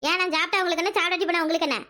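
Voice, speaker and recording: A woman's voice: very high-pitched, steady tone, rapid-fire. A woman voicing a grumbling village daughter-in-law. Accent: Kanyakumari Tamil. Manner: complaining, sharp-tongued. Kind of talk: cartoon voice acting.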